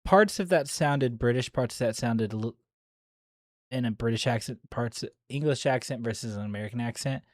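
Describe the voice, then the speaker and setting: Excitable man reacting to a trailer. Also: mid-range voice, normal speed, dry recording, studio quality. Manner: chatty and excitable, frequent ums. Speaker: online video creator. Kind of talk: casual reaction commentary.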